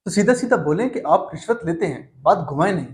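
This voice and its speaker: A man hosting a mock interview in a comedy sketch, speaking in a measured, formal way that turns stern when he scolds his guest. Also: high voice, animated, darkish tone. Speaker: host.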